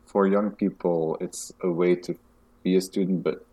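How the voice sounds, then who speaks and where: Low, husky man, soft and measured. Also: steady tone. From Belgium. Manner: soft-spoken, measured, hesitant with ums. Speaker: music festival director. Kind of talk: casual interview conversation.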